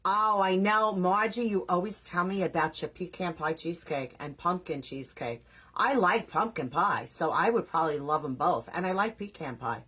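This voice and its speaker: Woman, New York accent, husky voice, chatty host of a crafting stream. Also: fairly low pitch, moderate pace, a bit bright. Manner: chatty, scattered, self-deprecating, reads viewer names aloud. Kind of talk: casual chat with live viewers while crafting.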